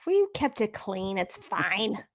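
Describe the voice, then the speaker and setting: A woman's voice: medium pitch, big pitch swings, slow. A woman co-hosting a casual podcast chat, answering with brief, dry, wry remarks. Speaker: podcast co-host.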